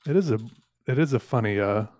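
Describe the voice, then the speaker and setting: A man's voice: medium pitch, animated, quick pace, darkish tone, no room sound. A man chatting casually into a microphone as a solo podcast host, rambling, correcting himself and musing with wry humor. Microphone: close microphone.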